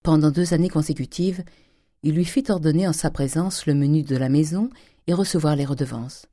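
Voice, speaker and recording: Brief: audiobook narrator, mellow dark voice, dry close recording, steady reading. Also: medium pitch, fairly quick, no echo. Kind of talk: audiobook reading of a classic novel.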